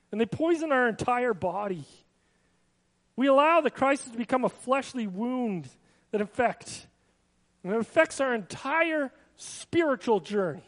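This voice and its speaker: A man delivers a sermon in an earnest, conversational manner, often turning to personal asides. His voice sits very high for a man. The sound carries a long reverb, as in a large hall. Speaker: pastor.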